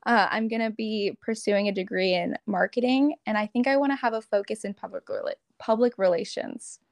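A woman's voice: medium pitch, brisk, vocal fry, dry recording, studio quality. Young American woman answering in an interview. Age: late teens. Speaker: podcast guest, pageant competitor and volunteer.

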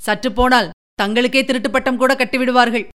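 A woman reading the part of a bold young male warrior envoy, fast and indignant in an audiobook story. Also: on the high side, steady tone, a bit bright, clean tone, natural voice. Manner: quick, indignant, demanding.

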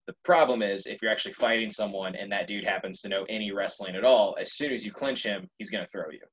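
Animated young man telling a story. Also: on the low side, quick pace, breathy edge, lo-fi sound. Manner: animated, laughs often, swears casually. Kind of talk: casual storytelling.

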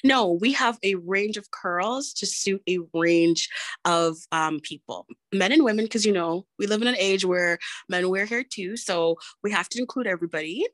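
A woman's voice: medium pitch, normal speed, a bit bright, dry recording. A woman entrepreneur and nurse answering interview questions earnestly, repeating her points and laughing often.

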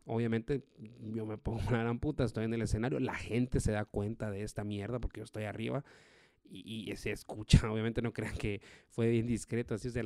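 A man, a stand-up comedian telling a story in a profane, animated way. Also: lowish voice, dry recording, studio quality. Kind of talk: storytelling monologue.

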